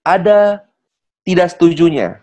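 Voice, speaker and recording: A man's voice: high-pitched, lively intonation, a little slow, darkish tone. A man, guest speaker in a casual online presentation, who acts out sales dialogues and keeps addressing the listener politely. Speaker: guest speaker on network marketing. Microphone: video call. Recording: muffled online call audio.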